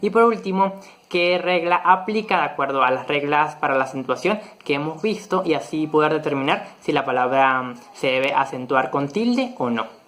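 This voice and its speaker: A presenter giving a virtual lesson on spelling rules in a measured, methodical way, pausing now and then on short fillers. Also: medium pitch, expressive, a bit bright. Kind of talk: explanatory lecture, partly read.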